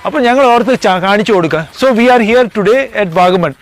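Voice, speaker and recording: A man's voice: high voice, normal speed. A man with a Malayali accent giving a casual vlog demonstration, addressing viewers in mixed Malayalam and English. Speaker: vlog presenter.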